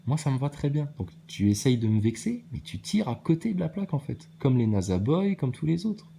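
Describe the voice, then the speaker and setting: A man with a mellow, dark-toned voice rants straight at his commenters. He is preachy and combative, with sarcastic jabs. A faint hum sits behind him. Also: medium pitch, sing-song, brisk, creaky. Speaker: video maker answering viewer comments. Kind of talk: ranting monologue to commenters.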